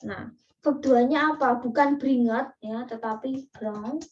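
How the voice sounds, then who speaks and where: A woman's voice: fairly high pitch, measured pace, slight background noise. A woman with an Indonesian accent teaching an English grammar class, explaining step by step with frequent fillers and asides. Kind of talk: online class lecture. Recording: distant, muffled lo-fi recording.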